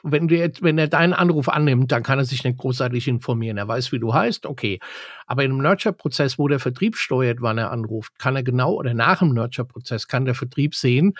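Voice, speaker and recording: A man in casual business chat on a podcast, explaining software processes fluently and with a lot of jargon. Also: medium pitch, dry recording, clean studio sound.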